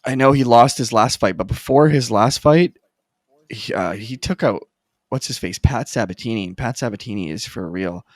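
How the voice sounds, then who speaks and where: A man co-hosting a casual chat, giving his picks in a relaxed, hesitant way with frequent restarts. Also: medium pitch, normal speed, no room sound, clean studio sound. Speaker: co-host making fight picks.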